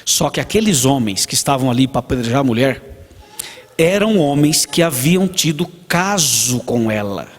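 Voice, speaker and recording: This preacher, a man with a Brazilian Portuguese accent, speaks at normal speed in an expressive mid-range voice. Delivering a sermon in a church hall with long reverb, he tells stories, acts out conversations, and addresses questions to the congregation.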